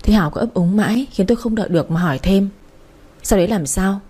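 A woman narrating a storybook in first person with chatty asides and sharp scolding dialogue. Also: mid-range voice, quick pace, breathy edge. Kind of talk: storybook audio reading.

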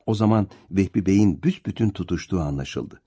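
A man's voice: sits low, expressive, brisk, warm tone, husky. A man narrating a novel as an audiobook, with a dramatic, varied delivery. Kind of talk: expressive literary narration.

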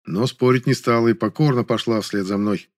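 A man narrating an audiobook in a calm, even storytelling manner. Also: mid-range voice, brisk.

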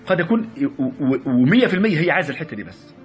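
This man, whose accent is Egyptian Arabic, gives a spirited class lecture on marriage from a religious angle, often stumbling back over words to repeat or restart them. He speaks very quickly in a fairly high register while soft music plays behind him.

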